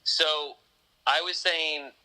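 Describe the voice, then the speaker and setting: A man hosting a podcast in casual chat, thinking out loud and rambling through many restarts. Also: fairly high pitch, steady tone, very slow, low-quality recording. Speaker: podcast host.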